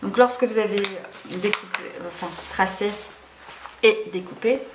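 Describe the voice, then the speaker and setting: A woman's voice: medium pitch, normal speed. Woman chatting through a craft tutorial, lots of ums and restarts, echoey room, faint hiss. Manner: chatty, hesitant, many fillers and self-corrections. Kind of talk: casual spoken craft tutorial. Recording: roomy echo, faint background noise.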